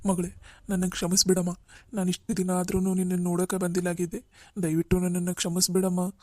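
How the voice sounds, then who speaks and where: A woman voicing a tearful cartoon father, low and dark. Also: monotone, fairly quick, no echo, natural voice. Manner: emotional, pleading, tag questions. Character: tearful middle-aged father, long separated from his daughter. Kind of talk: Kannada cartoon voice acting.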